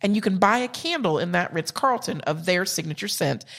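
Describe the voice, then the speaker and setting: Southern woman, low-ish voice, lively comic storyteller for casual podcast banter. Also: fairly quick. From South Carolina and Georgia. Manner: animated, humorous storyteller. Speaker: podcast co-host.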